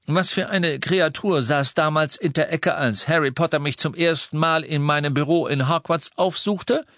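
A man's voice: fairly high pitch, normal speed, a bit bright, no echo, clean studio sound, voice pushed up, lightly acted. Male narrator's urgent wizard, clipped questions, raised and intense. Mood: urgent, stern. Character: grim tense grown wizard, clipped and urgent.

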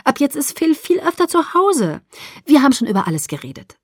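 A woman's voice: high-pitched, no echo, studio quality, voice pushed up. A woman doing a gushing, bubbly mother. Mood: cheerful. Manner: gushing, rapid, excited chatter. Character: bubbly chatty middle-aged mother, doting.

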